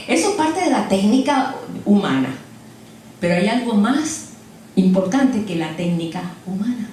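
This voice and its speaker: An older woman preaching a sermon in a lively, animated way, acting out quotes and laughing at her own jokes. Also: mid-range voice. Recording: echoey church hall, distant mic, faint noise.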